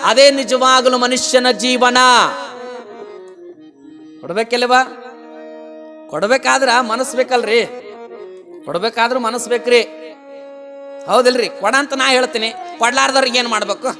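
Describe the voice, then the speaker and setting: High, bright-voiced village preacher. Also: male voice, soft background music. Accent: North Karnataka Kannada. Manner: sings verse lines slowly, then explains them in lively colloquial asides. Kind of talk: devotional sermon. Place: temple stage.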